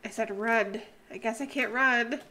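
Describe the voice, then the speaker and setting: A young woman casually commenting on her gameplay, exclaiming loudly at the animals and dropping to a hush when she sneaks around. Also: fairly high pitch, unhurried. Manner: excitable, exclaiming and talking to the animals; drops to a hushed voice while sneaking. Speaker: gaming channel host.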